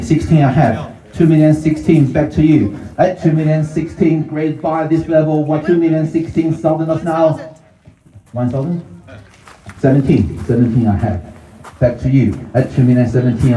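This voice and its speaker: A man's voice: medium pitch, warm tone. A man working as a real estate auctioneer, calling out bids in repeated short phrases to buyers like a showman. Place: live property auction before gathered buyers. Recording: echoey, picked up from a distance.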